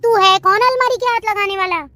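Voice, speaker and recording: Woman doing a super high-pitched cartoon bahu, bossy and mouthy, dry close sound. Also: bright, forceful tone, no room sound. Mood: defiant. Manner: scolding, quick retorts. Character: sharp-tongued young daughter-in-law, defiant.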